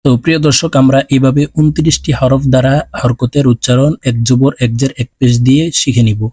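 A man with a Bangladeshi Bengali accent, teaching Quran letter sounds by slowly chanting syllables and then explaining them plainly. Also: mid-range voice, little pitch movement, a little mellow, breathy edge, dry recording. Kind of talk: slow drilled recitation lesson.

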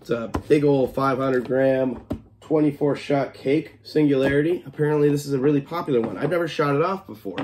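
Speaking fairly quickly in a medium-pitched, slightly mellow voice, a young man with congestion and a cough casually displays his fireworks haul in a small home kitchen for an unboxing vlog. He stays laid-back, swears freely, and scolds his cat. A little hiss or hum is audible.

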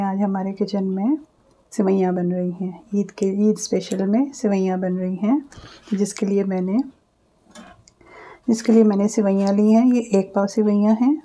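Warm-voiced woman explaining a home recipe. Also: mid-range voice. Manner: calm, step-by-step explaining. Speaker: cooking channel host. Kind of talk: home cooking demonstration. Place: home kitchen.

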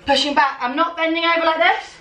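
Bright, high-pitched young woman coaching a workout. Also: fairly even intonation, a little fast. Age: young adult. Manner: urgent, commanding, motivating gym-coach calls in short bursts. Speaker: fitness coach leading a home workout. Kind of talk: workout instruction with countdowns and cheering on. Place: small home living and dining room. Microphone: camera a few metres away. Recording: roomy, distant mic, music underneath.

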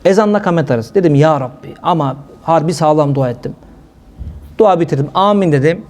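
High-voiced preacher telling stories. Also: male voice, brisk. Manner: lively storytelling preacher, acts out quoted voices. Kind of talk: sermon talk.

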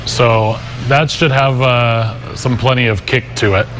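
A man's voice: medium pitch, fairly even intonation, measured pace. A middle-aged man giving a casual promotional interview from a sports bar, speaking hesitantly and easily. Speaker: restaurant representative, interview guest. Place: sports bar, remote link. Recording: noisy busy sports bar ambience.

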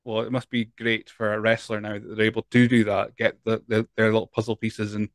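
In his home studio, a thirty-something Scottish podcast host wears headphones and sits close to a large studio mic. He asks rambling, drawn-out questions with restarts during a casual interview, in a fairly low voice with little pitch movement, a slightly fast pace, and no room sound.

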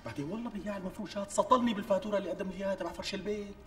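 An actor playing a cornered young fiancé with a Damascene Syrian accent, protesting and pleading about money in a TV sitcom. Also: male voice, sits high, a bit bright. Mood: exasperated. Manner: exasperated, pleading, quick protests. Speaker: fiancé, shop owner. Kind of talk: TV sitcom acting. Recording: distant mic with faint music.

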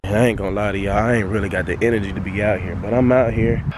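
A man's voice: fairly low pitch, steady tone, fast talker. A man, chatting casually and motivationally in slangy workout vlog style. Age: 20s. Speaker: fitness vlogger and football player. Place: outdoor sports field. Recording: loud music behind outdoor vlog talk. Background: loud music.

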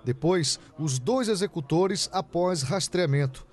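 A male TV news reporter narrating a crime story and pressing suspects with questions. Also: a little high. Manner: brisk, pressing interviewer.

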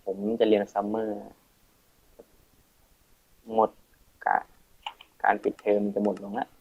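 A teenage boy narrates his game in a low, gravelly voice, chatting and thinking out loud as he builds. He counts and mutters to himself between instructions. The sound is dull and lo-fi, like a cheap home microphone. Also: monotone, slow, dry recording. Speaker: Minecraft let's play host. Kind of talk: casual gameplay tutorial commentary.

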